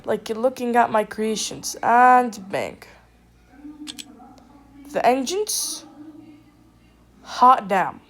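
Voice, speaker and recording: A woman giving casual gameplay commentary with a stuffy nose, rambling and excitable, often cutting herself off. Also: a little high, drawn-out words, long pauses. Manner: rambling, excitable, self-interrupting. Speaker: gaming video creator.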